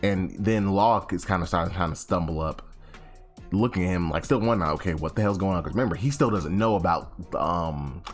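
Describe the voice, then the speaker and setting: With soft music in the background, a young man talks through a comic chapter in a casual, slangy, rambling recap as an anime chapter reviewer. He often corrects himself and performs the quotes. His voice is low and fairly quick.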